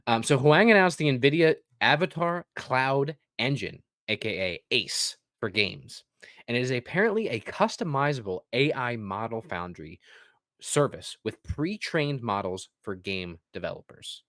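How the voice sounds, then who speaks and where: A man's voice: medium pitch, sing-song, a little slow, a bit bright, dry recording, clean studio sound. A man co-hosting a casual gaming podcast, talking loosely and profanely with a sardonic edge, half reading from a script. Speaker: podcast co-host.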